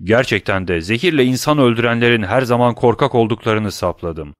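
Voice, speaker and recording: A stern middle-aged prosecutor played by a male audiobook reader presses his accusations with a forceful, cutting voice. The reading sounds dry and close, with no room around it. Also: medium pitch, animated, brisk, no echo, close to an everyday voice. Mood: scornful.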